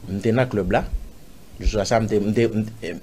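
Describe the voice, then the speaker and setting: A man with a Haitian accent, an interview guest recounting a personal story, acting out other people's lines with sudden loud jumps and dropping to murmurs. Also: brisk, a little hiss or hum. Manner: animated, acts out others' lines in raised voice; drops to low murmurs and whispers.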